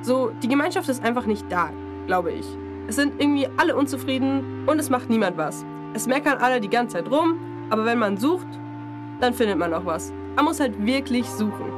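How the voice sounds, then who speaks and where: A woman's voice: on the high side, animated, fairly quick. A seventeen-year-old girl speaking bluntly and critically as a documentary interviewee. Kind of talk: documentary statement. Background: music bed.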